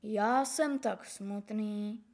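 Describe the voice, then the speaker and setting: A woman doing a hollow-voiced mournful gentleman. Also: mid-range voice, vocal fry, voice pushed down, close to an everyday voice. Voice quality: hollow, sepulchral voice. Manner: slow, mournful.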